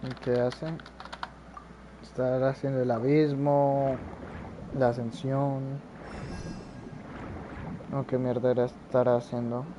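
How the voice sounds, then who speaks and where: A man casually commentating his own gameplay, excitable and profane, often blurting sound effects. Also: mid-range voice, muffled recording, background noise. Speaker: gamer.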